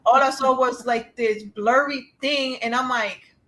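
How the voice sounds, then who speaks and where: Female podcast host, slightly high voice, animated conversational storyteller. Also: unhurried, background noise. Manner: animated, acts out dialogue, laughs easily; addresses a live chat.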